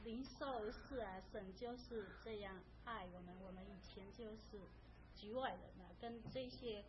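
A woman sharing a personal faith testimony, speaking softly and often trailing off. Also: mid-range voice, moderate pace. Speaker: church member sharing testimony. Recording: dull lo-fi with faint noise.

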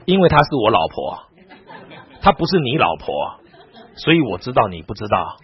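A man preaching, telling a personal story in an animated way and retelling dialogue with lively asides. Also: medium pitch, moderate pace, husky. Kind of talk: storytelling sermon. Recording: dull lo-fi recording, dry.

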